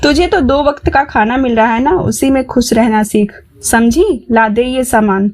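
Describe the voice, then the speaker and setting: A woman's voice: a little high, a little slow, darkish tone. A woman voicing a harsh older mother-in-law who taunts and scolds in a raised voice. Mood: scolding.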